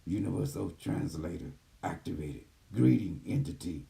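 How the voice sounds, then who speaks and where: Guy doing a gentle care robot voice, soft and low, kinda fried and gravelly, flat calm system talk. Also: normal speed, full character voice. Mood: calm, mechanical. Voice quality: soft, low, even machine-like delivery. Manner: clipped system announcements. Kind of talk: channeling a machine entity on a video call.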